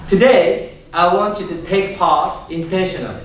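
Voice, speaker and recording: A man's voice: sits high, normal speed. A man teaching a speech class, asking questions and laughing often, recorded in a classroom from across the room. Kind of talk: classroom lesson. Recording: echoey room, distant mic, background noise.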